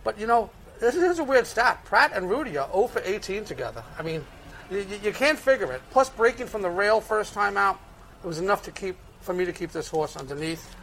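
A man's voice: high voice, lively intonation, brisk, vocal fry, a bit bright, slight background noise, rough recording. A man with a Brooklyn accent giving conversational horse racing analysis and picks as a handicapper. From Brooklyn, United States.

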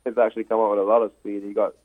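A man's voice: on the low side, little pitch movement, racing. A man in his thirties from Barbados, a horse trainer speaking modestly and plainly as an interview guest. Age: 30s. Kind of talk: phone-in interview. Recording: tinny phone line.

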